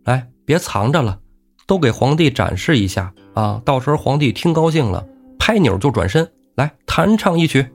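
A man's voice: medium pitch, sing-song, normal speed, slightly rough, faint music behind, voice pushed up. A man voicing a sweet-talking young courtesan woman in a storytelling show. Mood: coaxing.

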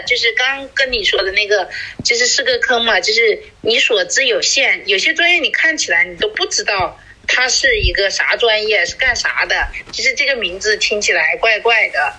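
A woman in her forties from a small Chinese city co-hosts a podcast, chatting casually and rambling with plenty of fillers and restarts. Her medium-pitched voice is bright and forceful with a breathy edge, though the audio is poor.

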